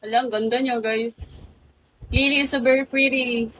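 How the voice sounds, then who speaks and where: A woman's voice: fairly high pitch, steady tone, moderate pace, fairly bright tone, rough recording. Giggly young woman live-streaming. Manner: giggly, mixes English and Filipino. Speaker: livestream host. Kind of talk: casual live-stream chat.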